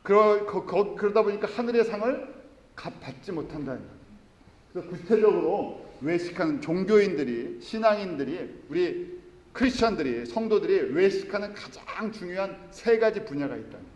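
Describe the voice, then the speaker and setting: A man's voice: sits high, expressive, normal speed. A male pastor preaching a sermon, earnestly asking his congregation questions and then answering them himself. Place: church sanctuary. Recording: echoey church hall.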